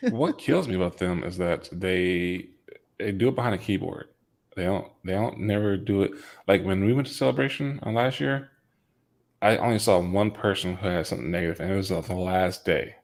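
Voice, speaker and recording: A man co-hosting a podcast in casual chat, animated and full of fillers, laughing often. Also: deep voice, brisk, creaky. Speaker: podcast co-host.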